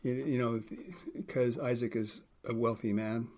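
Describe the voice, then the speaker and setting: A man's voice: mid-range voice, level tone, measured pace, a little mellow. A man co-hosting a casual podcast, reading Bible verses aloud and explaining them plainly with an occasional dry joke. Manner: explains plainly, with small restarts and dry jokes.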